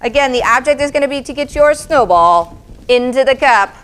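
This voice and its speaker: A woman's voice: high-pitched, animated, moderate pace, fairly bright tone. A woman hosting a kids' show, explaining and playing a game in a peppy, friendly way. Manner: peppy, friendly, addresses children directly. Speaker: children's museum host.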